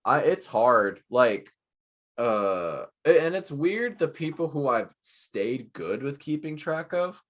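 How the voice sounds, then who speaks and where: A young man co-hosting a casual podcast, chatting in a rambling, self-mocking way and quick to joke. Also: medium pitch, sing-song. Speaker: podcast co-host. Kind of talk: casual chat.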